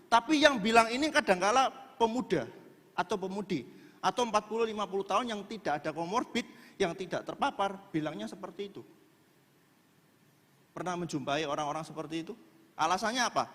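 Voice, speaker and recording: High-voiced preacher. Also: male voice, animated, fairly quick, pauses often, fairly bright tone. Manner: chatty, joking with the congregation. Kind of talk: sermon. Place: church in a large hall. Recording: echoey church hall.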